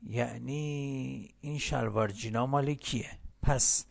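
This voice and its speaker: A man teaching English in a recorded lesson, patiently explaining and repeating English phrases slowly. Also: medium pitch, vocal fry.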